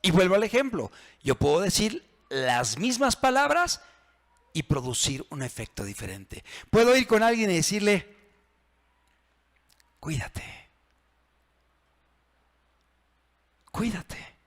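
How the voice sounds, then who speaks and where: Animated pastor preaching in a hall. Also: male voice, sits high, normal speed. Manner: animated preaching, acts out phrases in different tones. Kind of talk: sermon on marriage. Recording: long reverb of a hall.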